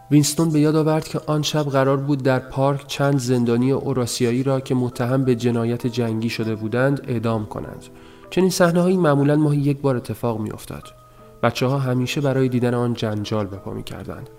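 A male audiobook narrator, mid-range in voice, reads from a novel with a calm, even, measured storytelling delivery.

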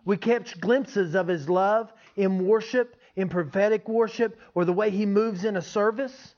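On a dull, lo-fi recording, a man with a high-pitched voice speaks at a measured pace. He's a preacher giving a folksy, informal teaching sermon and often checks in with the people listening.

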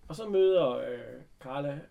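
Guy recapping a show casually, gravelly, acts out the lines. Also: fairly high pitch, phone-quality sound. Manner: animated retelling, acting out characters' lines. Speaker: recapping a TV episode. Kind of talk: casual chat.

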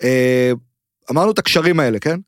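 A man's voice: medium pitch, dry recording, clean studio sound. A man, a sports journalist guest, explaining emphatically in casual chat, repeating his points and setting up hypotheticals.

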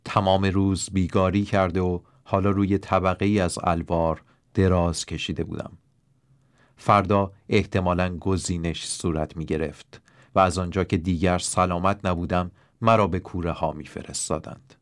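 A man reading a first-person story aloud in a measured, steady narration. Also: low voice, clean tone, no room sound, studio quality. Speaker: audiobook narrator.

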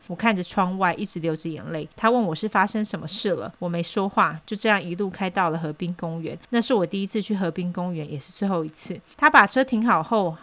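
A woman podcast co-host, reading a listener's personal story aloud in a steady, measured way that sometimes drops soft and hushed. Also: lowish voice, no echo.

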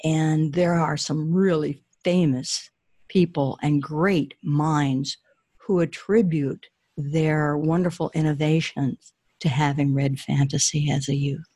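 A woman's voice: low-pitched, steady tone, slow pace, dark tone, slightly rough, no room sound, studio quality. A woman author answering interview questions with enthusiasm, often restarting her sentences, then reading her children's story aloud.

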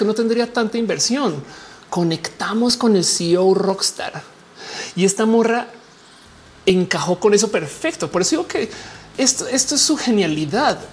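A woman with a Mexican accent and a low voice chats casually with her viewers, rambling in a slangy way full of fillers. There is slight background noise.

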